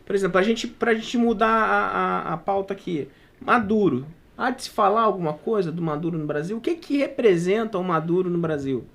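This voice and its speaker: A Brazilian man moderating a political debate, speaking haltingly with many restarts. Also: high-pitched, fairly bright tone. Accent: Brazilian Portuguese.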